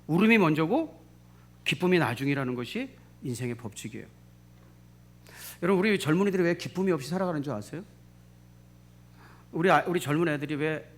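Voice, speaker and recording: A middle-aged man preaching with a high voice that swoops up and down. He is emphatic and keeps repeating key phrases. He keeps asking the congregation rhetorical questions. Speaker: pastor. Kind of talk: sermon.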